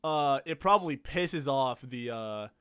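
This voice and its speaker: Young guy on a stream, bright forceful voice, dry close mic, laid-back chat. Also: medium pitch, lively intonation, unhurried, clean tone, dry recording. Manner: laid-back, filler-heavy, laughs loudly. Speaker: stream co-host. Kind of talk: casual chat.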